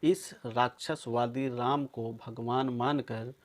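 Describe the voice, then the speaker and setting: Male commentator, mid-pitched, emphatic, accusing delivery straight to camera audience. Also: steady tone, takes it slowly, noisy background. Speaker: video commentator. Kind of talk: polemical monologue to viewers.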